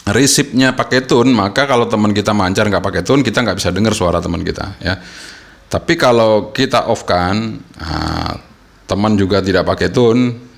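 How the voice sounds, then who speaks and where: Low-voiced man explaining gear. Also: creaky, fairly bright tone. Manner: explains step by step with frequent hesitations. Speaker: radio equipment reviewer. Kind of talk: casual product tutorial.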